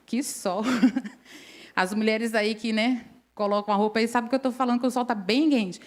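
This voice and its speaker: A woman's voice: fairly high pitch, steady tone, normal speed, darkish tone. A middle-aged woman preaching a sermon in a church, telling personal stories in a conversational way and often checking in with the congregation. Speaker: preacher at a women's service.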